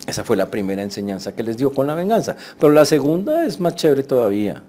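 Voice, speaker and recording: A man's voice: medium pitch, sing-song, fast talker, dark tone. A man preaching a sermon, telling the story vividly and acting out the voices of the people he quotes.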